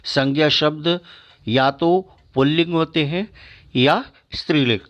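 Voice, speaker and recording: A man teaching a school grammar lesson, slowly listing example words and checking understanding as he goes. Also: on the high side. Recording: dull lo-fi recording.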